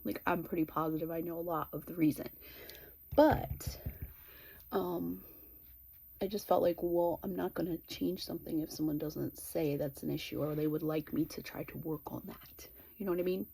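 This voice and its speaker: A middle-aged woman in a casual, confessional chat to viewers, candid and rambling, with halting, trailing pauses. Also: sits low, steady tone, gravelly, dark tone, breathy edge, rough recording. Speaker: vlogger.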